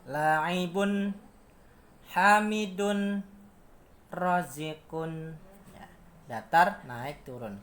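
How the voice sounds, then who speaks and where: A man teaching Quran recitation, patiently repeating each point and chanting examples in long drawn-out tones. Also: fairly high pitch, slight background noise. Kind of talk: slow instructional explanation with chanted examples.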